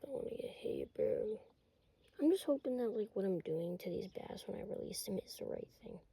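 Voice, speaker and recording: A young woman fishing from a kayak outdoors, chatting excitably to a mounted camera, swearing casually and often dropping to a murmur. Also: mid-range voice, moderate pace, creaky, breathy edge, no echo, low-quality recording. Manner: chatty and excitable, swears and says bro a lot. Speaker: fishing vlogger. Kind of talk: casual running commentary while fishing.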